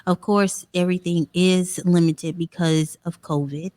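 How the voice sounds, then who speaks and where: A woman guest on a talk show, speaking of her faith in a halting way with many fillers. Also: on the low side, fairly even intonation, warm tone. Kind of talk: casual interview chat.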